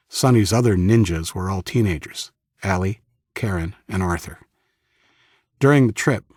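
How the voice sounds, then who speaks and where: A man narrating a first-person audiobook in a steady, measured way. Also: deep voice, no echo, clean studio sound.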